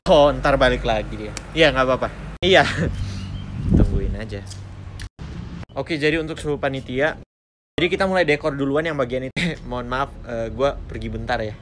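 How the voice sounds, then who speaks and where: A man's voice: mid-range voice, moderate pace, long pauses, noisy background. A young man, acting out short comic sketches and voicing every character himself. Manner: switches between casual slang voices for each character. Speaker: comedy sketch creator.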